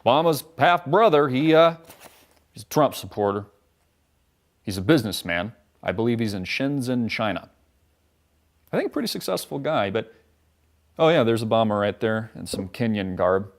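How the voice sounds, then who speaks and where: With a mid-range voice and lively intonation, a show host from the United States launches into a mocking, profane, sarcastic political rant. He keeps a moderate pace and pauses often.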